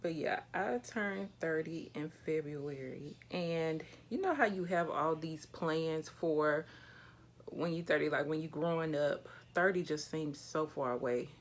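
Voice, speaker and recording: A woman's voice: low-pitched, unhurried. A thirty-year-old woman chatting candidly and casually while doing her makeup, with easy slang and some swearing, recorded in a small room facing the camera. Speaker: beauty vlogger. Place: small indoor room with a plain backdrop.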